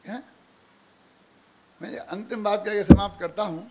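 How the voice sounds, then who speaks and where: Older Indian preacher, high and animated. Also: male voice, normal speed, heavy background noise. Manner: animated, rhetorical questions, chuckling asides. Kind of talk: religious discourse.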